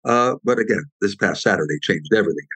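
A man giving long, measured answers as an expert guest, adding frequent asides as he explains. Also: lowish voice, lively intonation, a bit bright, slightly rough, dry recording, low-quality recording.

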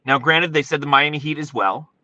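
An American man hosting a casual live sports commentary from inside his parked truck, talking in an animated, informal, emphatic way. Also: on the high side, brisk, highs cut off. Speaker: sports podcast host. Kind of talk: excited solo sports commentary, casual livestream.

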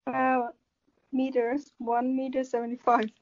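A woman's voice: high-pitched, monotone, a little slow, a little mellow, lo-fi sound. A woman with a German accent, a guest answering podcast questions hesitantly, searching for English words. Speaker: athlete guest.

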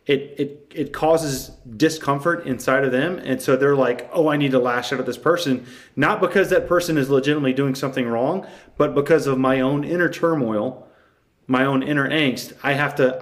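A man co-hosting a casual podcast, talking calmly and evenly. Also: medium pitch, moderate pace. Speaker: podcast co-host. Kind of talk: casual chat.

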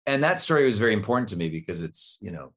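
Rambling low-voiced middle-aged man. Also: very animated, fast talker, fairly bright tone. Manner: rambling, self-deprecating, many fillers and restarts. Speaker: voice actor guest. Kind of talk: casual interview chat.

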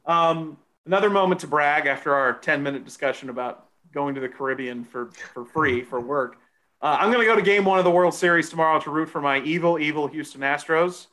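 Male co-host, higher voice, rapid and bright, playful self-mockery. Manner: quick, bright and self-mocking. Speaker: podcast co-host. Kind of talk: casual chat.

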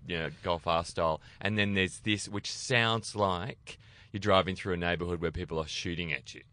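Deep-voiced male car co-host with a dry, close sound, excitable and joking. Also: moderate pace, no echo. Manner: enthusiastic, self-correcting, jokey. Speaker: co-host reviewing cars. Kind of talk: casual car chat.

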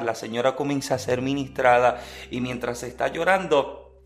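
A man preaching, telling a personal testimony in an earnest, lively storytelling manner. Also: medium pitch.

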